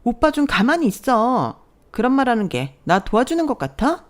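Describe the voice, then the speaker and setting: A woman doing a shrill spoiled young sister-in-law. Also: big pitch swings, normal speed. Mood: incredulous.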